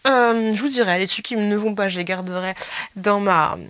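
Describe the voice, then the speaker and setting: A woman chatting casually as she unboxes a beauty haul, gushing and excited over each little item. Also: mid-range voice, moderate pace. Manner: gushing, excitable, squeals over small items.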